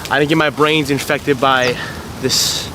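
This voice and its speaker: A man's voice: mid-range voice, fairly even intonation, measured pace, natural voice. A man playing a brash, foul-mouthed dream-world bully in an indie film, brusque and impatient. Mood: dismissive, irritated. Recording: noisy film location sound.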